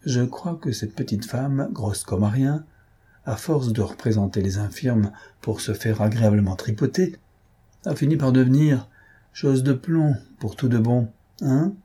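A man reading aloud, voicing a wry gentleman who speaks with teasing irony. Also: medium pitch, a little slow, breathy edge. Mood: mocking. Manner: teasing, ironic. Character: wry, half-mocking gentleman friend.

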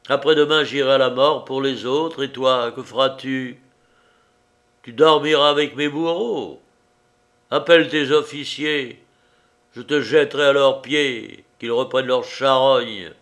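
A man reading aloud voicing an awkward, self-righteous young man who stammers and then lashes out with loud insults. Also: on the high side, animated, slow, long pauses, pitched above the performer's own voice. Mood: raging.

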